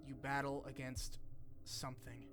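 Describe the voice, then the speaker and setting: A man narrates a video essay from a script, dropping in casual, joking remarks and some swearing, while music runs in the background. His tone is fairly bright and mid-range, with little pitch movement, at a normal speed.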